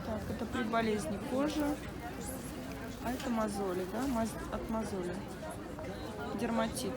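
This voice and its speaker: A woman's voice: fairly high pitch, normal speed. A woman chatting casually as a customer at a market stall, asking short, curious questions. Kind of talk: casual chat. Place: busy outdoor craft fair. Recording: loud outdoor crowd noise.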